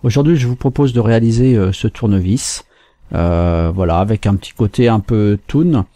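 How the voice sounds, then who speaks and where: A man from France hosting a screen-recorded software tutorial, walking through steps calmly with fillers and restarts. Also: fairly low pitch, dry recording. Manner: unhurried, step-by-step with fillers and restarts. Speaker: tutorial host.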